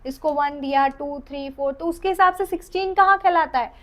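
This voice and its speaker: A woman with an Indian accent gives an exam-oriented dental lecture in a very high voice. She reads English definitions slowly, then explains them in Hindi with questions to her students. While counting teeth she drops to a soft murmur. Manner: counts teeth aloud while drawing, trailing off softly.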